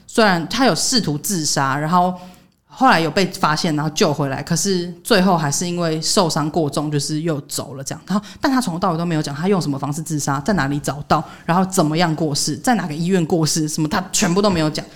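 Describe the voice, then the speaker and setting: A young woman rattles through an office story on her podcast at a quick clip. Her speaking voice sits fairly low but leaps up when she acts out other people's lines. The delivery is animated and chatty. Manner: animated retelling, voicing others' quotes with jumps in pitch. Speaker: podcast co-host. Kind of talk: casual storytelling chat.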